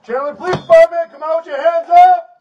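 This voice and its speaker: A police officer, a man, shouting repeated loud commands through a megaphone. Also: very high-pitched, steady tone, fast, far from the mic, muffled recording, a little hiss or hum.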